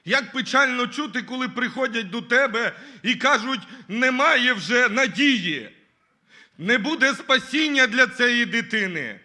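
A man's voice: very high-pitched, lively intonation, unhurried, bright, forceful tone. A man giving his testimony at a church service, earnestly reading scripture and often calling the listeners brothers and sisters.

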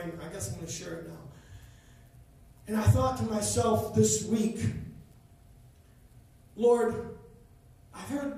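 A man preaching a sermon, telling a story with rising passion until he shouts. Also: very high voice. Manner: impassioned, builds to shouting. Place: church sanctuary. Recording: echoey church from far off.

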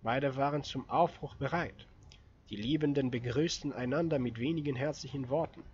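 A man narrating an audiobook in a steady, measured reading voice. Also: mid-range voice, highs cut off. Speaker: audiobook reader.

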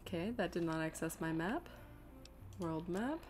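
Talking over loud music, this streamer has a voice on the low side with lively intonation at normal speed. She offers casual, self-deprecating gameplay commentary live, rambling, thinking aloud and reading chat aloud.

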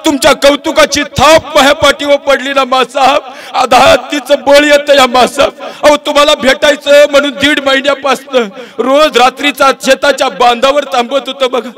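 A man's voice: extremely high pitch, fairly quick, few pauses, pushed and bright, voice pushed up. A man doing a tearful, pleading village lad. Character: young village boy, earnest and devoted, pleading.

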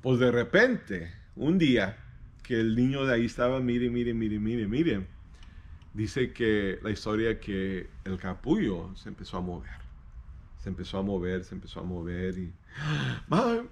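A man, a pastor telling a devotional story, halting and repeating words and slipping into English phrases. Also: fairly low pitch, big pitch swings.

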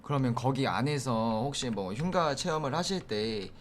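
A man's voice: mid-range voice, expressive, moderate pace, a little hiss or hum. A man working as a paranormal investigator, questioning and explaining casually in polite, hesitant phrasing.

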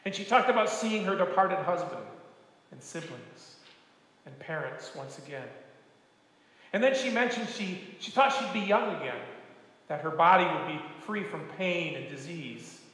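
An older man, a retired pastor, preaching a sermon with gentle, folksy storytelling and humor. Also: a little high, animated, unhurried. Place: church sanctuary. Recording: echoey church hall.

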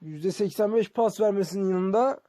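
A man's voice: high voice, moderate pace, mellow, no room sound. A man giving casual, conversational game commentary to his viewers as a streamer. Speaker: gaming streamer.

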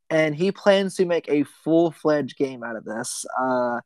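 A man's voice: a little high, a little mellow, no echo. A young man hosting a casual gaming podcast, rambling with lots of ums and restarts. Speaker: podcast host.

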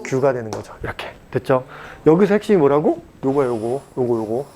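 A man teaching a math class at a cram school, blunt and chatty, joking and mock-scolding his students and checking in with quick questions. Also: medium pitch, sing-song, warm tone, a little hiss or hum. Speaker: math tutor.

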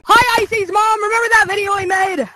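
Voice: very high voice, fairly even intonation, a little fast. A friend joining a casual gaming session, teasing the host and stumbling over words. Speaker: friend playing along. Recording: game music loud behind.

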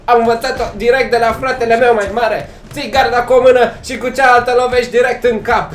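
A man's voice: very high voice, steady tone, a little hiss or hum. A man playing a boastful, brash boxer, taunting and grunting through comedic in-character VR game commentary. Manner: taunting, loud, punctuated with grunts. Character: boastful cocky male boxer, brash and mocking. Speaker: VR game player. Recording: roomy echo.

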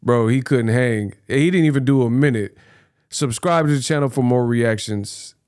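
A man's voice: medium pitch, moderate pace, a little mellow, smooth, dry recording, clean studio sound. A man in his thirties hosting a reaction video with colloquial, teasing commentary, often repeating himself. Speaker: reaction channel host. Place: small home studio, indoors. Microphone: close microphone on a stand.

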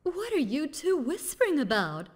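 An actress voicing a haughty female news chief in a video game, speaking in a slow, condescending drawl. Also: high-pitched, huge pitch swings. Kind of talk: game voice acting.

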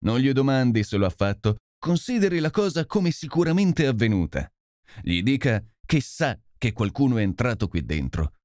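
A man voicing a sharp detective who gives firm, urgent orders. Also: mid-range voice, very animated, moderate pace, dry recording, studio quality, close to an everyday voice. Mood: commanding, urgent. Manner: commanding, urgent. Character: sharp, commanding male detective.

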